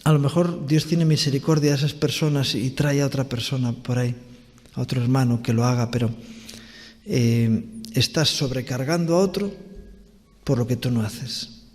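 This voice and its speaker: A man pastor with a Spanish accent preaching a sermon in a church, earnest, with pauses, restarts and rhetorical questions. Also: mid-range voice, steady tone, a little mellow. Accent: Spanish from Spain. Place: church hall. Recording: long church reverb.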